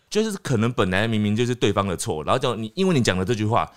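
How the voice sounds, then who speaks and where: Brief: Taiwanese-accented male co-host, quick, animated, plays out little quotes. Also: fairly low pitch. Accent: Taiwanese Mandarin. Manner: animated, acts out quoted lines. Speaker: podcast co-host. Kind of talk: casual chat.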